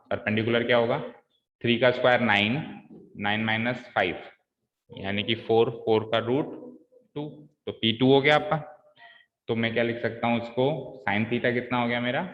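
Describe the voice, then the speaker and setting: A man teaching a live online maths class, quizzing his students and coaxing them through each step patiently. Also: on the low side. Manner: quizzes students, calls them "beta" and "bhai". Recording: echoey room, dull lo-fi sound.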